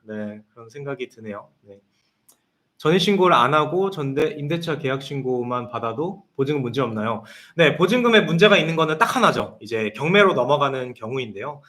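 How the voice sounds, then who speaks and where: A man's voice: mid-range voice, expressive, a little fast, fairly bright tone. A man in his thirties, a consultant answering viewer questions on a live stream in an explanatory way. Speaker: guest consultant.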